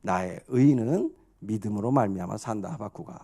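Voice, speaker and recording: A preacher dropping into a low, quiet voice for God, soothing yet firm. The tone is hushed and measured, full of steady authority. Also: male voice, husky. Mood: gently challenging. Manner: soothing, firm, fatherly questioning. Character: calm, authoritative God speaking to a prophet.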